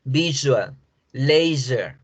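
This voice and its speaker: A man's voice: mid-range voice, expressive, extremely slow, breathy edge. A male teacher giving a pronunciation lesson, patiently repeating each word several times as a drill. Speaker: English teacher.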